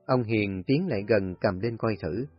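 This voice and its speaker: Husky guy reading a story, calm and steady, dull lo-fi sound with faint music. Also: on the low side, normal speed. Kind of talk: scripted story narration.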